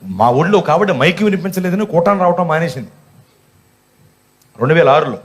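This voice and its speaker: A middle-aged man preaching a sermon as pastor, animated and humorous, firing off teasing rhetorical questions. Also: fairly high pitch, brisk.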